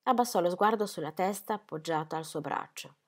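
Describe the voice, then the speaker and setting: A woman narrating a literary audiobook in an expressive, unhurried reading voice. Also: fairly low pitch. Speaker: audiobook reader.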